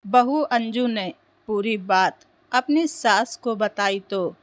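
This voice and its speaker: A woman narrating a moral folk tale in a steady, simple storytelling manner. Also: mid-range voice, slow pace, dry recording.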